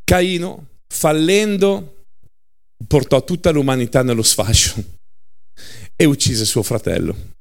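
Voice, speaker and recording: A man's voice: medium pitch, lively intonation, moderate pace, gravelly, long pauses. A man preaching a sermon, teaching scripture emphatically and repeating key words. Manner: emphatic, repeats words, spells letters with city names.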